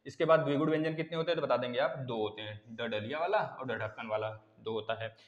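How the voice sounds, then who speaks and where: A man's voice: medium pitch, fast talker, highs cut off. A man teaching grammar in an online exam-prep lesson, repeating sounds aloud and asking and answering his own questions. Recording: echoey room with long reverb.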